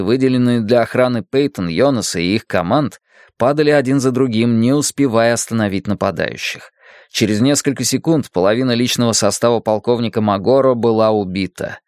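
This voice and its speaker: A man reads a dramatic audiobook in a steady, measured way. His voice sits at a middle pitch. The recording is dry, with no room sound. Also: no echo. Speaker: audiobook narrator.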